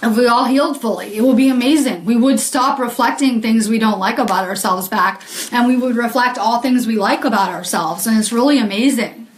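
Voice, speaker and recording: A woman's voice: on the high side, brisk, reverberant. A woman healer talking casually to viewers on a live video, earnest and rambling with many ums and frequent laughs.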